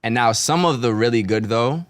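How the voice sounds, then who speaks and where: A man's voice: medium pitch, normal speed, no echo. A man hosting a podcast, talking in a blunt, slangy, casual way and swearing freely. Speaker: podcast host. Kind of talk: casual chat.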